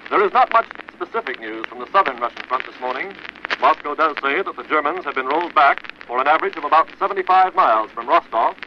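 A man reading wartime news bulletins in a brisk, formal announcer style, heard as an old 1940s radio news broadcast. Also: fairly high pitch. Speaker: radio newscaster. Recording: muffled lo-fi archival radio with hiss.

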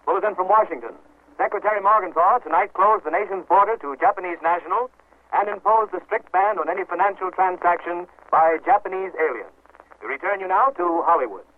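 Old newsreel announcer, played by a man, high-pitched. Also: a little fast, lightly acted. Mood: formal, urgent. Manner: formal, urgent bulletin delivery. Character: grave 1940s male radio newscaster. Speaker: radio news announcer. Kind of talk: old newsreel-style news bulletin reading. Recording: tinny phone-like old radio recording.

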